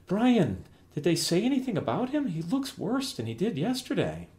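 A man's voice: fairly high pitch, big pitch swings, a little fast, darkish tone, voice pushed up. A man voicing his worried older mother, asking anxious, pleading questions while reading aloud from a memoir.

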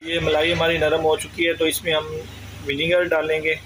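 A man's voice: a little high, monotone, normal speed, fairly bright tone, a little hiss or hum, poor audio. A man hosts a cooking channel and explains a recipe step by step. He speaks to his viewers as friends. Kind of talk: cooking tutorial. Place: home kitchen.

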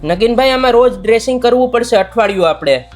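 A young man, a health volunteer gently consoling a patient's family and earnestly appealing to viewers, repeating himself softly. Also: very high voice, animated, fast, soft background music.

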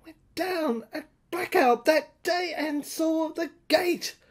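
A woman with a high-sitting voice performs a dramatic monologue in the first person. She speaks breathily and huskily in brief, halting phrases punctuated by pauses, now and then lowering almost to a whisper.

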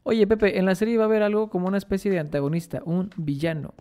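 Mellow-voiced Mexican man rambling through gameplay. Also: high-pitched, fairly even intonation, fast, clean tone. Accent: Mexican Spanish. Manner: rambling, playful, poses questions to viewers. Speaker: gaming streamer. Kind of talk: casual gameplay commentary.

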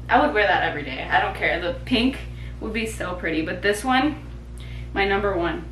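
A bubbly young vlogger in her twenties chats casually at home, moving through the bedroom and living room while a camera mic across the room records her. Her voice is on the high side and fairly bright, with an echoey room and a little hiss or hum.

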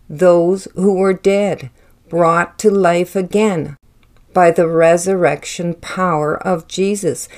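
A woman speaks a prophetic word with a low-pitched voice. Her delivery is slow, measured and solemn, as if every phrase carries weight. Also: darkish tone.

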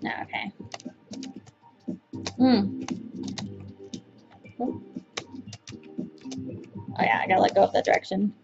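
A woman's voice: medium pitch, takes it slowly, vocal fry, pauses often, music in the background. A young woman doing casual let's play commentary as the host, playfully self-deprecating, exclaiming and muttering as she plays. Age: young adult. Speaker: gamer host. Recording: slightly dull sound.

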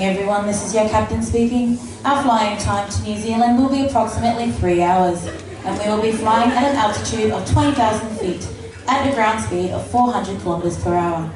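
A woman reading a mock plane cabin announcement as the captain in a formal, scripted way. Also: medium pitch. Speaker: mock airline captain at a student event. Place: large hall at a live event. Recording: echoey hall PA, far off, noisy.

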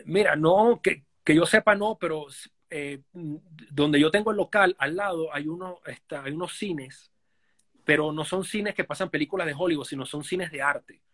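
On a casual live-stream interview, a Venezuelan man in his forties speaks from his living room over a live video call. His fairly high, slightly bright voice moves at a normal speed, and he often uses fillers and starts over.

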